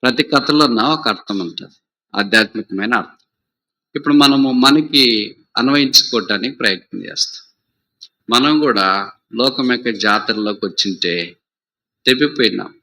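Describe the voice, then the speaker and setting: Bright-voiced storytelling Telugu preacher man. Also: medium pitch, moderate pace, long pauses, a little hiss or hum. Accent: Rayalaseema Telugu. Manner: conversational storytelling, asks the audience questions. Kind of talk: sermon with a parable.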